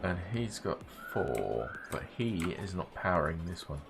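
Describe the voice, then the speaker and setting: A man's voice: low voice, very animated, unhurried, creaky, over loud music. A middle-aged man streaming a game, rambling wryly between asides and swearing casually. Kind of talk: casual gameplay commentary.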